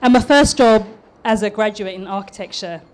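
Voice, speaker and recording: Speaking at normal speed with a medium pitch and darkish tone, this East London architect in her thirties delivers a prepared talk to the public. Her polished southern English accent carries an earnest, slightly nervous manner, and she restarts now and then.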